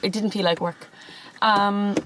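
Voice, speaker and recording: A woman's voice: medium pitch, fairly even intonation, a little slow, fairly bright tone, slight background noise, poor audio. A young Irish woman in her twenties chatting casually on her own channel, bubbly and rambling with lots of fillers. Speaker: YouTuber. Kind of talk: casual chat.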